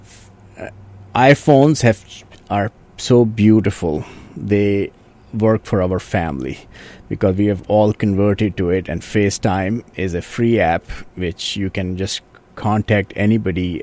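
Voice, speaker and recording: The guest is a Pakistani orthopedic surgeon, a native Urdu speaker, with a lowish, darkish voice. Answering radio interview questions, he sounds earnest and considered, restarting sentences often and dropping in "you know."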